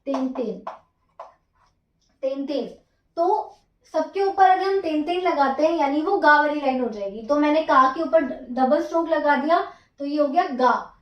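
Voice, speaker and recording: A woman's voice: high-pitched, reverberant, dull audio. A woman teaching Japanese script, counting out each stroke in a patient, stepwise way. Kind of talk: slow stroke-by-stroke writing lesson.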